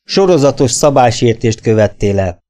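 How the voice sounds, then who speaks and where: A man voicing a stern adult male instructor at a boys' boarding school, barking harsh orders loudly in a raised voice. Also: medium pitch, animated, close to an everyday voice. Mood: stern shouting. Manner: barks orders, harsh and commanding.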